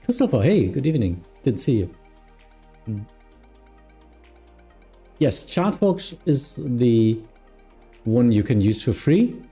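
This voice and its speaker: Male tower controller, dark soft tone, casual stream chat and clearances, faint music. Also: medium pitch, big pitch swings, takes it slowly, pauses often. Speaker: live streamer playing tower air traffic controller.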